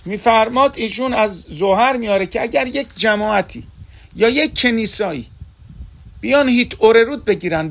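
A man's voice: high voice, gravelly, a bit bright. A man delivering an earnest sermon as a religious teacher, retelling stories and speaking directly to his listeners. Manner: earnest storytelling, addresses listeners as dear friends.

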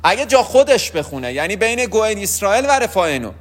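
High-voiced man teaching prayer rules. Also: very animated, fairly bright tone. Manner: explanatory, asks and answers his own questions, frequent hesitations. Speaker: religious teacher. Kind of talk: spoken lesson on prayer rules.

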